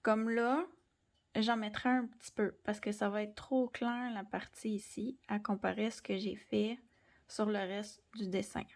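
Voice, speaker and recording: Slow, soft-spoken Québécois woman. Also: mid-range voice, flat delivery. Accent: Québécois French. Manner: gentle, soft-spoken, drops into near-whispers while drawing. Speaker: art tutorial host. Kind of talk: colored pencil tutorial.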